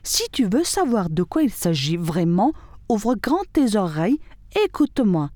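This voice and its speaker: A woman's voice: mid-range voice, very animated, a little slow, warm tone, no echo, studio quality. A woman voicing a boastful male rooster in a storybook tale, speaking in an insistent, indignant way. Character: proud boastful male rooster who foretells deaths.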